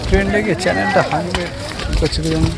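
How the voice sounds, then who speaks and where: A man talks very quickly in off-the-cuff sideline chatter. His pitch is high but stays fairly flat. He is recorded at a distance outdoors under loud noise. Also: vocal fry. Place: outdoors beside a football field.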